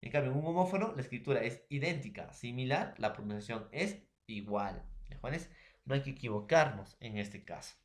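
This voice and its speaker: Casting: Peruvian male teacher, mid pitch, explains slowly and checks in with the class, roomy echo. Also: animated. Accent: Peruvian Spanish. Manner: repetitive, addresses students and fellow teachers, asks rhetorical questions. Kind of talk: recorded remote class lecture. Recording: echoey room.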